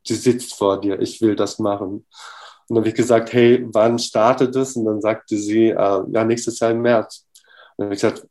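A middle-aged man telling a personal story in an interview, lively and full of fillers, acting out the dialogue as he goes. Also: medium pitch. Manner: animated, acts out dialogue, many fillers. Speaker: interview guest. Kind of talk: casual storytelling.

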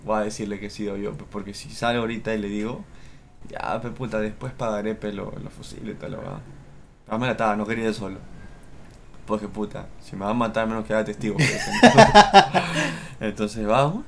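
A man's voice: fairly low pitch, a little fast, slight background noise. A young man telling school anecdotes in crude slang, acting out quotes playfully. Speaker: podcast co-host. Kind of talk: casual anecdote storytelling.

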